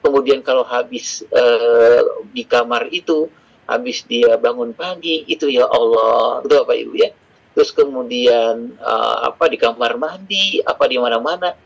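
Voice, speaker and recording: A man's voice: mid-range voice, normal speed, creaky, muffled recording. A middle-aged man giving a conversational parenting seminar to fathers and mothers, acting out quoted dialogue as he goes. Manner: acts out quoted dialogue in varied voices. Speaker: parenting class speaker.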